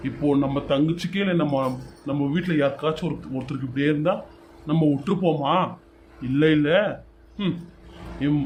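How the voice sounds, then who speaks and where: A stubborn husband, played by a man, taking his mother-in-law's side in a homemade serial drama. He talks firmly and scolds, in a slightly high voice with faint noise in the background. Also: darkish tone, close to an everyday voice. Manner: firm, scolding.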